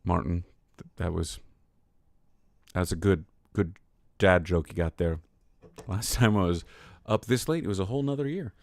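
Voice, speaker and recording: A man's voice: sits low, moderate pace, vocal fry, pauses often, dry recording. A tired man hosting a casual livestream, reading lore aloud and chatting, often laughing and getting sidetracked. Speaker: streamer host.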